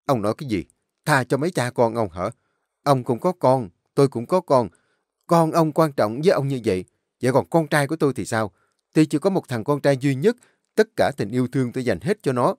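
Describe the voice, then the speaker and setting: A man's voice: on the low side, brisk, no echo, clean studio sound, close to an everyday voice. A man playing a furious young father. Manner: angry, forceful.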